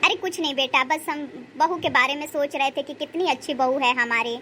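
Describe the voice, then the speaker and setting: A high, bright-pitched woman playing a pious, sentimental mother-in-law in a cartoon story. She prays aloud and lavishes praise on her daughter-in-law. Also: fairly quick, a little hiss or hum. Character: emotional older Indian mother-in-law, pious and doting.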